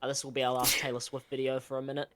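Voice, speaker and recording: Easygoing young man, halting casual talk. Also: medium pitch, monotone, fairly bright tone. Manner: easygoing, hesitant with ums and restarts. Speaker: co-host. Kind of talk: casual chat.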